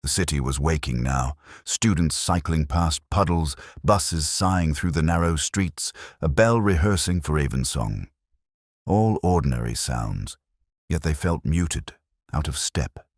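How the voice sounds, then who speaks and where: In a rumbling low voice, a middle-aged man narrates a scripted first-person detective story in a measured, brooding, literary manner. The studio sound is clean, with no room sound.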